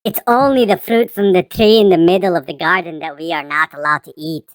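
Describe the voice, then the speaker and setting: The first woman in the garden answers in an earnest, lowered, softer voice, as a woman reads her. The sound is dry and close. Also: steady tone, fairly quick, no echo, natural voice.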